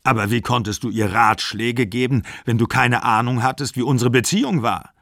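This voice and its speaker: A man playing a furious, wounded aging actor in his sixties who shouts bitter accusations down the phone. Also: medium pitch, moderate pace, dry recording, clean studio sound, natural voice.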